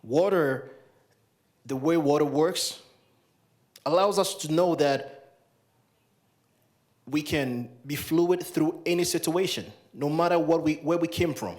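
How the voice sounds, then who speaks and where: A young man from Ghana conducts a libation in a large hall, speaking solemn, repeated invocations into a handheld microphone. His slightly high, somewhat mellow voice moves slowly, broken by long pauses, in this ceremonial address.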